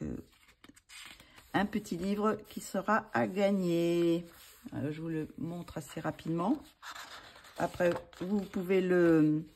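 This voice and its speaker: Low, mellow-voiced woman chatting hesitantly. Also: slight background noise. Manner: hesitant, many fillers and restarts. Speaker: channel host showing books for a giveaway. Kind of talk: casual chat.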